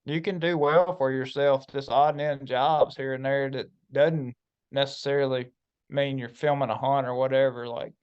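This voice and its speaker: A man's voice: mid-range voice, fairly even intonation, normal speed, smooth, lo-fi sound. A man with a Southern US accent casually explaining things as a guest with practical tips. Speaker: guest giving self-filming tips.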